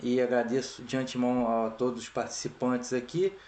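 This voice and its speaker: A Brazilian man hosts the meeting, speaking in a measured, formal way and tagging his points with little checks to the audience. His voice sits mid-range and carries the echo of the room around him. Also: mid-range voice, little pitch movement, a little mellow. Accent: Brazilian Portuguese. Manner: measured, repeats "aí" and "tá?" tags. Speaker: association president hosting a meeting. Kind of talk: formal opening of an online meeting. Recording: echoey room.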